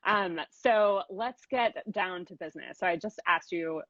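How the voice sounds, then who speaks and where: A woman's voice: lowish voice, unhurried, fairly bright tone, no room sound, muffled recording. A woman hosting a video interview series, upbeat, with frequent fillers. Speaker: interview host, company CEO.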